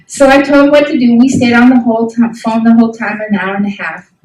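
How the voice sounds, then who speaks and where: A middle-aged woman teaches a class in an emphatic, folksy way and keeps asking her listeners questions. Her voice is soft and mellow. She sounds a little distant from the mic, in a room with plenty of echo. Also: on the high side, steady tone, fast, slight background noise. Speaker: health ministry instructor.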